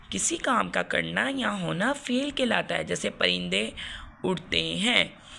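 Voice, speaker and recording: A woman's voice: mid-range voice, gravelly, sharp tone, slight background noise. A woman with a Pakistani Urdu accent teaching a grammar lesson to young children, repeating words and asking questions she then answers herself.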